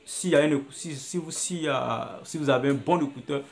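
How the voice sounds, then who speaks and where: A man with a fairly high voice and vocal fry talks a little fast through a screen-recorded tutorial on video editing in a phone app. Thinking aloud, he takes it step by step and keeps repeating what he's doing as he works.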